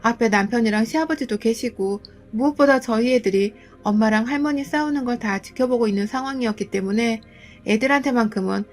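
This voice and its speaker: A woman's voice: fairly high pitch, a little fast. A woman narrating a first-person true story in an indignant, emphatic way.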